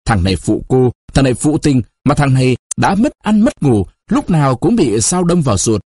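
A man voicing a jealous young lover who speaks harshly, word by word, through gritted teeth, with a husky voice. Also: medium pitch, big pitch swings, normal speed, warm tone, no room sound, clean studio sound. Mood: furious.

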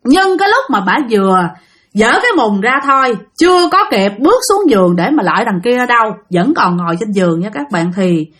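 A woman's voice: on the high side, big pitch swings, fairly quick, fairly bright tone. A woman with a Southern Vietnamese accent telling a ghost story in a chatty way, speaking straight to her listeners. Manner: chatty, addresses listeners directly.

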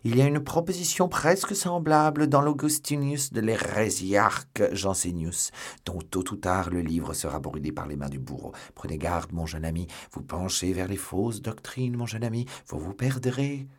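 A man's voice: on the low side, steady tone, moderate pace, close to an everyday voice. A man voicing a stern zealous Jesuit. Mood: warning, stern. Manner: severe, admonishing, quoting Latin.

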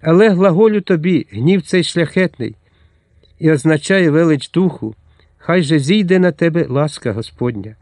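Старий ігумен, якого озвучує читець, промовляє урочисто, як на проповіді, з піднесеним тоном. Звук сухий і близький. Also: male voice, on the high side, lively intonation, normal speed, a little mellow, dry recording, studio quality. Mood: preaching. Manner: solemn, preaching. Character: elderly male abbot, solemn and preaching.

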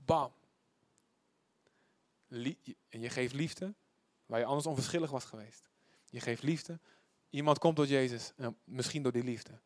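In a mid-range voice, a pastor delivers a forceful sermon, repeating words and moving between loud bursts and hushed, lingering phrases. There's no echo on the recording.

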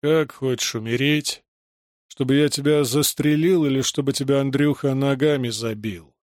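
A man reading aloud, voicing a ruthless wartime soldier in glasses who lectures in a calm, cold way. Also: medium pitch, normal speed, no room sound, clean studio sound, close to an everyday voice.

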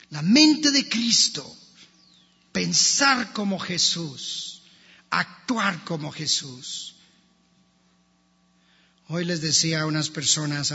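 High, bright-voiced pastor preaching. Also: male voice, vocal fry, breathy edge. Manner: emphatic, addresses the congregation directly. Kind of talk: preaching a sermon. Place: church. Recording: long church reverb, dull lo-fi sound.

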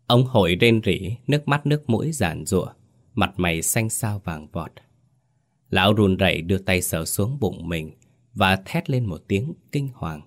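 A man narrating a horror story with dramatic, vivid delivery. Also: low voice.

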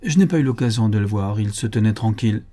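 A man's voice: lowish voice, lively intonation, fast talker, dark tone. A man reading the lines of a curt male prison director in an audiobook, answering briefly.

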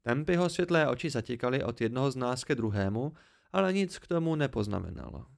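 A man reading a novel aloud in calm first-person storytelling, an amateur audiobook narration. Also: mid-range voice, vocal fry. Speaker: audiobook reader.

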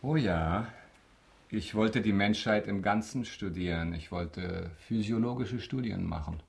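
Low-voiced, haughty, ironic count. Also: male voice, measured pace, vocal fry. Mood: courteous. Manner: polished, ironic, haughty formal speech. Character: wealthy, imperious, mocking count of mysterious past. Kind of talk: German radio drama acting.

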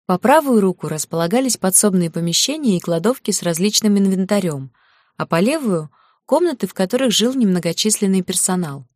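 A woman's voice: mid-range voice, lively intonation, fairly quick, darkish tone, no room sound, clean studio sound. A woman narrating a fantasy novel as an audiobook, lightly voicing the girls' dialogue. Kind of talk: scripted narration.

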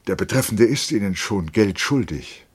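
A man voicing a young, soft-hearted lieutenant who is drunk and pleading. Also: fairly low pitch, animated, normal speed, husky, voice pushed up. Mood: strained. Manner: pleading, emotional.

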